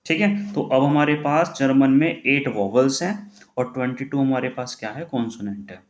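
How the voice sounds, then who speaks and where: A man teaching the German alphabet in a classroom style, putting questions to the class and answering them himself, repeating words slowly. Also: medium pitch, muffled recording. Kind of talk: classroom-style lesson explaining pronunciation. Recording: echoey room.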